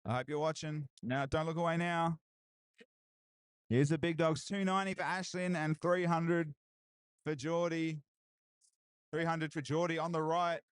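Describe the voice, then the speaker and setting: A man doing live, excitable commentary on a strongman deadlift event, hyping lifts and chatting with viewers. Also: a little high, a little slow, long pauses, clear, resonant tone, dry recording. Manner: excitable hype, repeated cheers and laughs. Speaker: livestream commentator.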